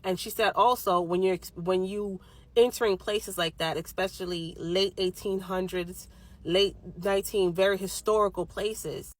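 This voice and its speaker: A young woman casually telling a personal supernatural story, animated and swearing freely, getting louder when she quotes people. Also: medium pitch, moderate pace. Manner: animated, swearing, rising loud when quoting others.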